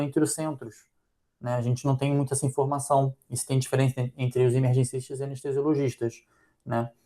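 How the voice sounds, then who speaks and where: A man's voice: mid-range voice, dark tone. A man with a Brazilian Portuguese accent, a physician presenting a journal club critique, thinking aloud with frequent fillers.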